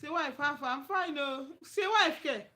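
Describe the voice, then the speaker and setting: Bright and forceful, her high voice moves at a moderate pace as she hosts a casual live chat from a dim room at home. She's a Nigerian woman from Anambra State offering relationship advice, speaking plainly and repeating herself for emphasis.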